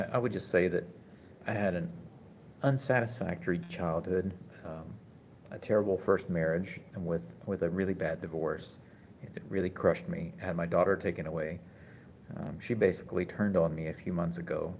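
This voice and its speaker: A man in his forties talking casually on a live stream from a hospital room, reflective and halting with many restarts. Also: sits low, a little mellow, a little hiss or hum. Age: 40s. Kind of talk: casual live-stream talk reading chat.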